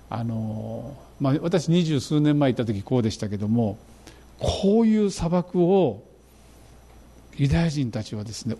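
A middle-aged man preaching a sermon, animated and fervent, describing travel photos to his congregation. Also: mid-range voice, slightly rough. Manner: animated, rising to fervent emphasis. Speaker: pastor.

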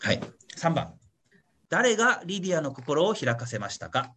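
A man's voice: on the high side, big pitch swings, moderate pace, bright, forceful tone, a little hiss or hum. A man pastor giving a casual teaching sermon online, chatty and playful, tagging his sentences with little questions to the listeners. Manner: chatty, keeps adding a questioning "ne" tag; playful, acts out little voices for examples. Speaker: pastor leading a Bible study. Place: online meeting with a congregation.

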